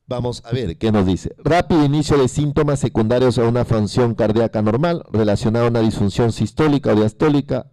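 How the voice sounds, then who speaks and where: A man's voice: mid-range voice, mellow, no room sound. A man giving a medical lecture to a class, asking the students questions and repeating the key terms. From Peru.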